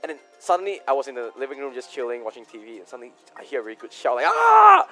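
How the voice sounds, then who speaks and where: A man's voice: medium pitch, lively intonation, racing, soft background music. A man casting a mobile esports match in chatty, storytelling commentary. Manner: chatty, storytelling, laughs often. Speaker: esports caster.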